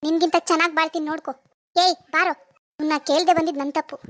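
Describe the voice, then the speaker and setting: A woman voicing a proud young woman who answers her sister's taunts with indignant vows in an animated cartoon. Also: very high-pitched, rapid-fire, no room sound. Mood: defiant. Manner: indignant, sharp, defiant.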